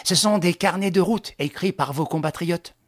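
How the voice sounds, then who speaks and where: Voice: mid-range voice, normal speed, no room sound, natural voice. Brief: a reader voicing a coldly ironic officer, teasing and sarcastic, close dry sound. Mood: mocking. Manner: mock-friendly, sarcastic teasing. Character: mocking young French officer, coldly ironic.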